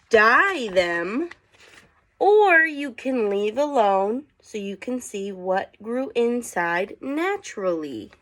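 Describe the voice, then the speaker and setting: Reading aloud from a picture book, a woman teacher with a mid-range, fairly bright voice keeps an unhurried pace. She casually pauses to question the children and get them thinking.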